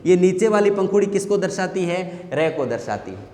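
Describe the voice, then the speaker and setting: High-voiced male Hindi teacher, echoey room. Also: very animated, a little fast, dark tone. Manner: asks the class questions and answers them himself; repeats key points with emphasis. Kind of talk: exam-prep grammar lesson. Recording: echoey room with long reverb.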